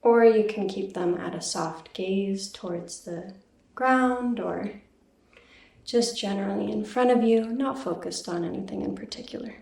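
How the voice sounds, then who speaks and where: A woman leading a guided meditation, giving slow, gentle instructions. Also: medium pitch, gravelly, distant mic. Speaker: guest meditation teacher. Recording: echoey room, voice a bit off-mic.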